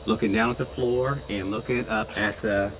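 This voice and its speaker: A middle-aged man coaching a young swimmer in a pool, his bright, forward voice counting strokes and calling out praise. He raises his voice whenever the child's ears go under the water. A faint hum of the pool sits behind him. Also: fairly low pitch, fairly even intonation, normal speed, poor audio. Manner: encouraging, counts out loud in bursts. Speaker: swim instructor. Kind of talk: instructional coaching.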